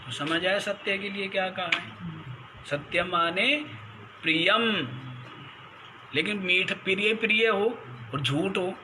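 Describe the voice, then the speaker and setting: A swami teaching the Gita gives a spiritual discourse on scripture, chanting Sanskrit verses and constantly asking his listeners rhetorical questions in a scolding, mocking tone. His voice is high and slow, with frequent pauses and background noise behind him.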